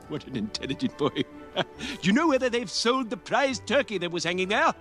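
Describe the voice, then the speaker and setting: An actor playing a giddy, reformed old miser who cackles and giggles breathlessly in a film. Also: male voice, high voice, very animated, moderate pace, a bit bright, faint music behind. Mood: elated. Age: older. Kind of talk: film acting. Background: film score.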